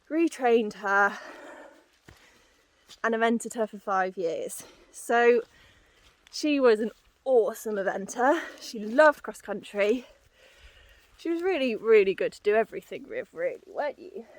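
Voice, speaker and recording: Breathless woman chatting as she walks, unhurried. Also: on the high side, dry recording. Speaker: horse owner and vlogger. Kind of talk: casual vlog chat while walking. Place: outdoors on paddocks and hilly, boggy ground.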